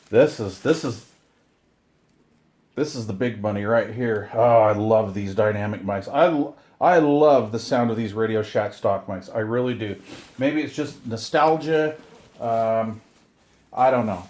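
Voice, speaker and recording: Hosting an unboxing video for radio gear, a middle-aged man chats casually to the camera. His voice is lowish and darkish, his pace measured, and he rambles with a self-deprecating, grumbling streak.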